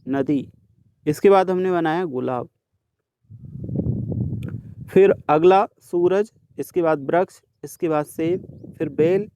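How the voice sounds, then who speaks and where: A male teacher solving a worksheet for students, sounding out each letter slowly and speaking to the class directly. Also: fairly high pitch, dark tone, slight background noise. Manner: slow, deliberate sounding out of letters. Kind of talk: worksheet solution lesson.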